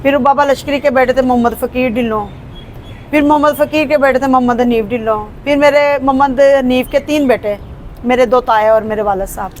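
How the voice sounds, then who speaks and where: A woman's voice: high-pitched, fairly even intonation, fairly quick, darkish tone, slight background noise. Punjabi-accented woman telling her family history. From Pakistan. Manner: hesitant, with frequent fillers and restarts. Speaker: interview guest. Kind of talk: casual conversational interview.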